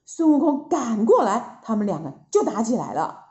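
A woman narrating a classic children's story with lively, drawn-out storytelling. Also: a little high. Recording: echoey, dull lo-fi recording.

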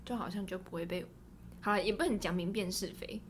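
A young woman with a Taiwanese Mandarin accent, co-hosting a podcast and telling stories in a rapid, breathless casual chat. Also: mid-range voice, fairly even intonation, a little hiss or hum. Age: young adult. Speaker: podcast co-host.

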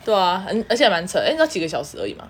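A woman, co-hosting a casual podcast chat and telling stories quickly with giggles. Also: on the low side, huge pitch swings, slightly rough. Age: 30s. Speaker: podcast co-host.

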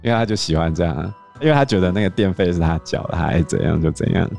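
A man with a very low voice and a Taiwanese Mandarin accent chats on a book-club podcast, spinning animated stories about a student. Quiet music sits beneath him. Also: racing, vocal fry. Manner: animated storytelling, self-teasing asides. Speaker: podcast co-host, teacher. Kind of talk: casual book-club chat.

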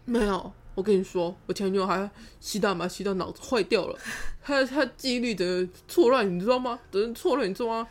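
A man's voice: high-pitched, brisk, few pauses, natural voice. A woman doing a pushy, flirty liar of a man. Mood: defensive. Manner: pushy, repeats "you know".

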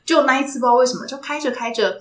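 A woman's voice: high-pitched, very fast, roomy sound. A young Taiwanese woman co-hosting a podcast, telling a story in casual chat with a Taiwanese Mandarin accent and acting out the quotes. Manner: lively storytelling, acts out quotes. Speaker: podcast co-host.

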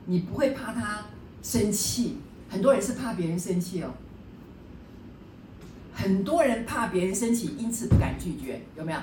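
A woman's voice: mid-range voice, lively intonation, normal speed, long pauses, recorded from a distance, background noise. A woman teacher leading a book study class, lecturing in a chatty way and often checking in with the class through rhetorical questions. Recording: echoey room, voice a bit off-mic.

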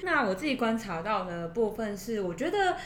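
A woman's voice: sing-song, normal speed. A woman with a Taiwanese accent, co-hosting a conversational educational discussion and chattily laying out points in order. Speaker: podcast co-host. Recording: roomy echo, faint noise and rumble.

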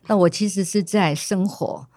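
A woman's voice: on the low side, normal speed, warm tone. A woman from Taiwan, a teacher guest on a panel, talking casually and reflectively, with the odd joke and stammered restart.

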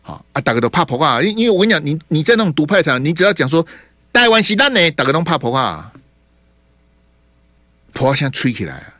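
A man's voice: fairly high pitch, sing-song, fast talker, pauses often, a bit bright, dry recording. A man hosting a radio talk show, ranting about politics with mocking rhetorical questions. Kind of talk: opinionated political commentary.

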